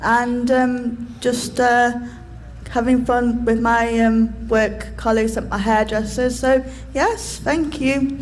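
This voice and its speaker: A woman in her twenties with an English accent, speaking as a panelist. She talks slowly and hesitantly, with plenty of ums, in a slightly high voice. Faint noise sits behind her in the conference hall. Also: steady tone. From England. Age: 20s. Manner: hesitant, many ums, unhurried.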